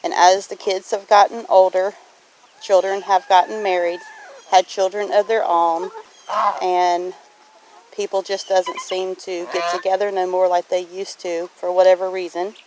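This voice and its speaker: Outdoors on a farm homestead, a middle-aged woman with a lowish, level voice answers questions at an unhurried pace for her homestead vlog, sounding plainspoken, folksy, and reflective. Farm animals and honking geese fill the background, and the outdoor noise includes clicks.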